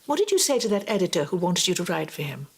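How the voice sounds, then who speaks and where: A woman's voice: lowish voice, big pitch swings, gravelly, slightly rough, heavily acted. An actress playing an earnest, principled lady of the house in a period drama. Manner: earnest, brisk.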